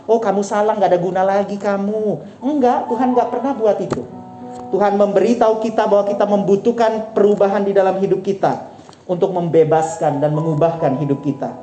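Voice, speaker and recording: A woman's voice: mid-range voice, brisk, dark tone, muffled recording. Woman preaching a sermon in a roomy hall. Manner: exhorting, repeats phrases, frequent "Amin". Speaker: pastor. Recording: roomy hall sound with faint instrument music.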